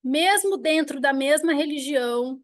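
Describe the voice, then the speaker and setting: A Brazilian woman in her forties with a Brazilian Portuguese accent, teaching a live online lesson with personal stories and an animated, talkative manner. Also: sits high, measured pace, no room sound, clean studio sound. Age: 40s. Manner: animated, talkative, frequent restarts and laughs.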